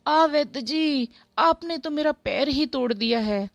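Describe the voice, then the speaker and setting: A woman voicing a lively, stubborn teenage girl in a spoken story, talking in an eager, pleading way. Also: high voice, unhurried, vocal fry, no echo, dull audio. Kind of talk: storybook voice acting.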